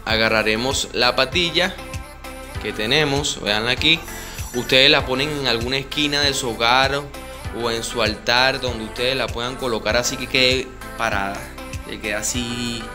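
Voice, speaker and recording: A man's voice: medium pitch, steady tone, moderate pace. A man with a Venezuelan Spanish accent walks viewers through a spiritist ritual step by step. He keeps repeating his instructions and tells them to look. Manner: repetitive, directly instructing viewers. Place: indoor room with a home altar. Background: music.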